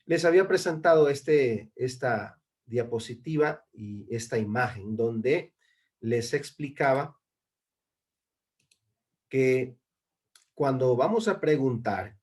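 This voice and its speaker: Young male teacher, video call class, patient and repetitive, medium-pitched voice, checks in with students often. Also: slow pace, darkish tone. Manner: patient, repeats and checks with "¿no?" and "¿verdad?". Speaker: English teacher. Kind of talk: online class explanation.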